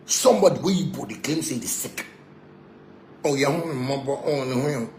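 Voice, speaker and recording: Brisk and lively in intonation, this fairly high, darkish-toned male voice carries a Ghanaian accent as he rants furiously in Pidgin and broken English. He's confrontational, repetitive and insulting, with an echoey, noisy room behind him.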